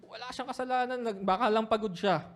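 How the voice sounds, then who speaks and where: A man, a pastor telling a personal story in a sermon, moving between hushed reflection and loud, laughing retelling. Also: sits high, fairly even intonation, brisk.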